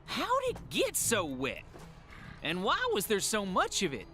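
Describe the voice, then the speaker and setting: A woman's voice: mid-range voice, wildly swooping pitch, measured pace, pushed and bright, heavily acted. A woman voicing a weary, gossipy bank worker in a video game. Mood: puzzled. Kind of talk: video game character dialogue. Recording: music behind the voice.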